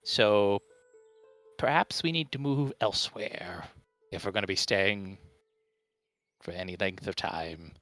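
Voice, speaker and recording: Man voicing a considerate, bright-toned female mage. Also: lowish voice, slow, long pauses, faint music behind. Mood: apologetic. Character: considerate female mage breaking bad news to companions. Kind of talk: in-character tabletop role-play.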